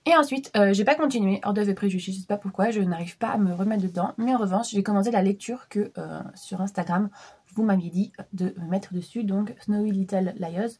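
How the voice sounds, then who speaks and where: A woman in her thirties chats casually about books, her voice warm and slightly husky, her nose stuffed up from a cold. She rambles easily, filling pauses with little hesitations. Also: mid-range voice. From France. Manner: chatty, many fillers and restarts. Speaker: book vlogger. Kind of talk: casual chat.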